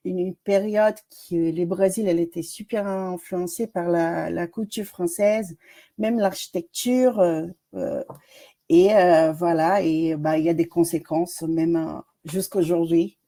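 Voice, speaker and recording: A woman's voice: lowish voice, fairly even intonation, unhurried, warm tone. A woman from Brazil, a doctoral student with a Brazilian accent and Portuguese as her first language, presenting her research in a webinar over a video call, hesitant with many fillers.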